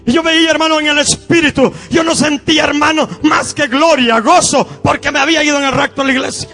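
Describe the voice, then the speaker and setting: A man preaching an impassioned evangelical sermon to a congregation in church, shouting at times and dropping to hushed tones at others. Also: extremely high pitch, steady tone, quick pace, faint music behind.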